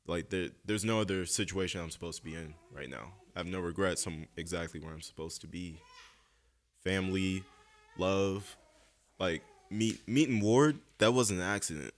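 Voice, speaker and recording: A young man hosting a casual podcast chat, talking earnestly and reflectively with lots of fillers. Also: low voice. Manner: earnest, reflective, speaks slowly with many fillers. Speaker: podcast host.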